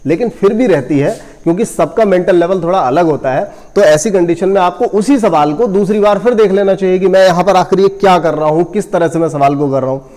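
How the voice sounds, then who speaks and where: A man's voice: high voice, a little fast, hardly any pauses. A man teaching a coaching class in math, working sums aloud step by step and talking straight to his students. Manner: addresses students directly, gently scolding.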